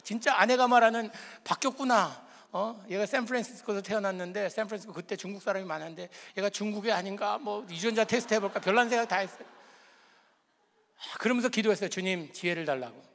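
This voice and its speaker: A middle-aged man preaching, a pastor telling a personal story with emotion, moving between lively and hushed tones. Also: high voice, fast talker, creaky, big-room sound.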